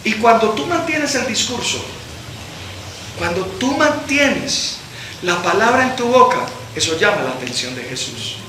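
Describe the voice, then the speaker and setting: A man pastor preaching a sermon in a church hall, impassioned and alternating between loud and soft. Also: high voice, sing-song, unhurried, background noise. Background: congregation answering.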